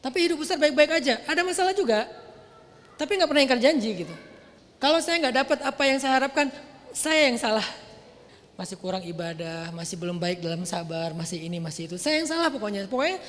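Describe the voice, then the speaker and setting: A man preaching a casual sermon, animated and slangy, acting out quotes. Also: very high-pitched, fairly quick, a little hiss or hum. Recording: long hall reverb.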